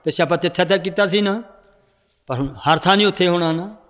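A man's voice: high voice, fast talker, a bit bright. A man teaching a scripture lesson, telling a story and explaining verses to his students, in a reverberant hall. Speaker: religious teacher.

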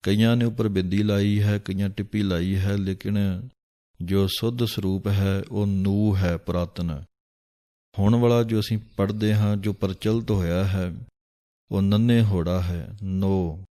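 A man teaching scripture recitation, slowly chanting each verse and then explaining its spelling and where to pause. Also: sits low. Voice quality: calm, measured, drawn-out chanting of each verse. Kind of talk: pronunciation lesson with chanted verses.

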